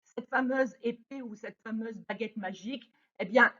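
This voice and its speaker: A woman teaching young children about kind words, gently and with lively exclamations and many hesitations. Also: fairly high pitch, normal speed. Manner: gentle, animated, frequent hesitation fillers. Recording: dull lo-fi sound.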